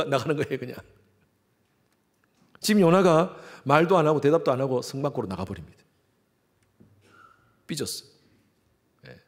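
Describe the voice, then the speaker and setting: A man's voice: on the high side, gravelly. A man preaching a Sunday sermon in a church, putting questions to the congregation and acting out the voices of the people he quotes. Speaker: pastor. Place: church sanctuary.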